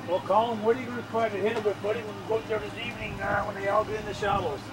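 A camper on a family trip chats casually and rambles at an outdoor campsite by a lake, talking very fast in a high, level voice. A loud crowd fills the background, and the noisy outdoor audio was captured on a camcorder microphone.

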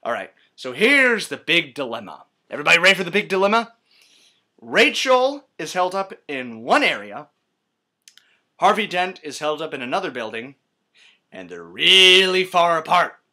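A man's voice: on the high side, very animated, moderate pace, sharp tone. Swearing man ranting about a movie. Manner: swearing, scornful, drifting between mutters and outbursts. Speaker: vlogger. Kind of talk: profane movie-review rant.

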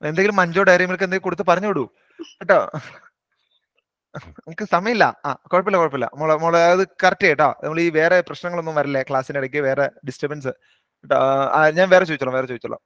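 A man teaching an online maths class. His voice is high and bright, and he talks quickly. The sound is close and dry, with no room around it. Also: no room sound. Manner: brisk, coaxing, teasing students by name. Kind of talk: live online class, questioning students.

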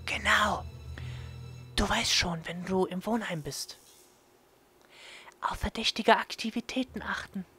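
An eager, secretive young woman librarian played by a man in a visual novel game. The voice is very high and breathy, like someone sharing a secret, often sinking into a conspiratorial whisper. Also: moderate pace, pauses often, bright, forceful tone, faint music behind. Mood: eager, hushed.

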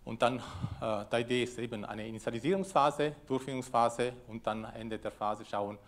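A medium-pitched man from Switzerland, Italian being his first language, gives a conference presentation at a moderate pace into a lectern microphone, with an audience in the lecture room. He speaks loosely and hesitantly, using many fillers.

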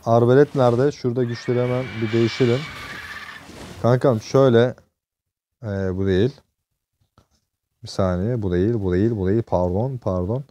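A young man from Turkey giving casual, excitable gameplay commentary, joking and swearing at the game from a desk mic at home. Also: medium pitch, normal speed, pauses often. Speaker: gameplay streamer.

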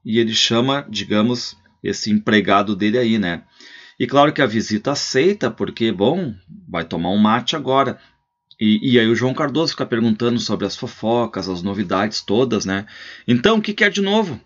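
A male literature teacher reading a short story aloud and explaining it in a relaxed, conversational way. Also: fairly low pitch, moderate pace. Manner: explanatory, frequent tag questions. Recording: slightly muffled lo-fi recording.

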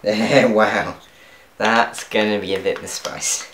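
A young cooking vlogger talks slowly in a steady voice on the low side, with a slightly bright quality. He chats to viewers while cooking in his home kitchen, laughing at his own mistakes. There's slight background noise, an echo, and faint clatter of pans.

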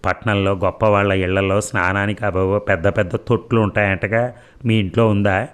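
A man's voice: fairly low pitch, fairly even intonation, normal speed, smooth, close to an everyday voice. A man reading the part of a nosy, blunt older village woman who fires off prying questions in a storybook.

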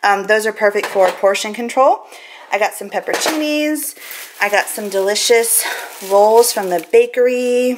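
This kitchen vlog features an American woman in her thirties casually chatting through a grocery haul, speaking at normal speed in a mid-range voice. The camera is handheld at arm's length and its mic picks up a noisy background.

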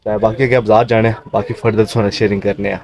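Speaking quickly and flatly in a fairly low voice, a young Pothwari Punjabi-accented man vlogs his stroll through a crowded outdoor market, saying hello to shopkeepers along the way. A handheld camera at arm's length picks up his casual talk over the din of the crowd and the street.

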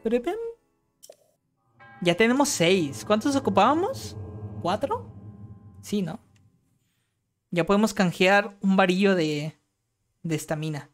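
A woman with a Mexican accent streaming gameplay, talking in slangy, profane chatter and bursting into panicked yelling. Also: mid-range voice, lively intonation, slow pace, pauses often, faint music behind. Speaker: gaming streamer. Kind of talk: live gameplay commentary.

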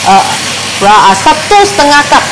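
A woman with a Malaysian Chinese accent giving a casual cooking demonstration in simple, halting phrases. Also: sits high, sing-song. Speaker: cooking show host demonstrating a recipe. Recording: sizzling, frying kitchen noise.

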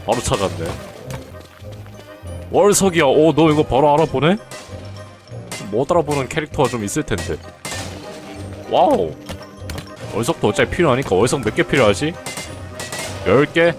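A man talks through his game run in a loose, chatty way, his pitch jumping around as he jokes and scolds the characters. Faint game music plays underneath. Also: lively intonation, a little fast, pauses often. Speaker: game streamer. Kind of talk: casual gameplay commentary.

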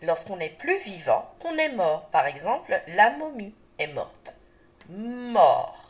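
A woman teacher giving a slow, carefully articulated reading lesson for young children, patient and encouraging as she speaks straight to the child. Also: on the low side, very animated. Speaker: primary school teacher.

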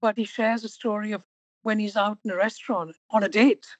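A woman hosting an interview podcast, talking reflectively and stressing single words slowly for emphasis. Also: mid-range voice, fairly even intonation, no echo, rough recording. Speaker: podcast host.

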